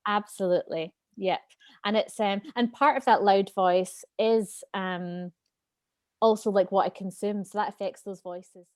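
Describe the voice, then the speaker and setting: A woman's voice: mid-range voice, unhurried, no room sound, clean studio sound. A woman wellbeing expert talking earnestly and openly as an interview guest. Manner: earnest, open, animated. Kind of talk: candid interview talk.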